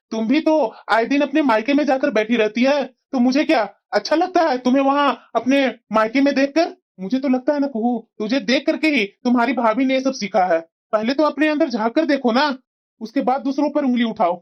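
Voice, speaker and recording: A woman's voice: sits high, brisk, natural voice. A woman doing a lecturing young husband. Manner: lecturing, firm. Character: young husband, reasonable and scolding. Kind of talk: cartoon voice acting. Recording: dull lo-fi recording.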